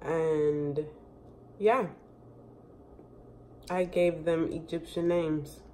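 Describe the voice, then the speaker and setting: Speaking very slowly in a low, mellow voice with fairly even intonation, a twenty-something vlogger rambles casually to a phone camera set close on her home kitchen counter, using lots of fillers. There's slight background noise.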